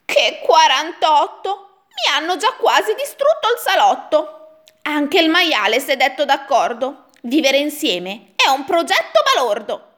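A woman voicing a fussy, grumbling little old woman in a rhyming storybook, with an exaggerated shrill delivery. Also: sing-song, a little slow, a bit bright, heavily acted. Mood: complaining. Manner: shrill, exaggerated complaining in rhyme. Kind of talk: storybook reading.

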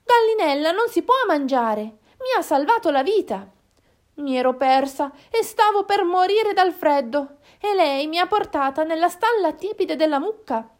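A woman's voice: very high voice, unhurried, voice pushed up. A woman voicing a small girl fox cub in a children's storybook, with an earnest, childlike tone. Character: lost little girl fox cub, sweet.

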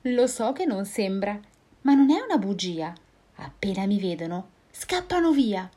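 A woman voicing a small, clever, boastful male mouse in a storybook reading, chirpy and quick-witted. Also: mid-range voice, sing-song, warm tone.

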